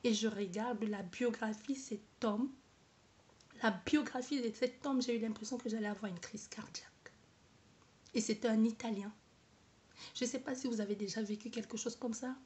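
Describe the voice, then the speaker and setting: Halting woman with a high voice. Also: steady tone, a little mellow. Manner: halting, repeats words, searches for words. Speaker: vlogger. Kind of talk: personal testimony to camera.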